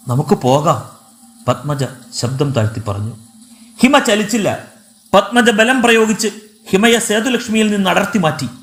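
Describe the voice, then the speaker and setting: Brief: male audiobook narrator, high and lively voice, dramatic delivery, echoey room. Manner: expressive, emotional storytelling.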